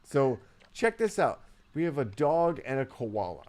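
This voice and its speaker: A man co-hosting a casual talk show, rambling with lots of fillers and loudly hyping the next segment. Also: medium pitch, big pitch swings, measured pace. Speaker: podcast co-host. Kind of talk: casual chat.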